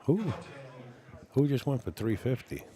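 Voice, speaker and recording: A man's voice: medium pitch, very animated, unhurried, a crowd in the background. A man hosting a live tournament stream with casual, chatty, folksy commentary.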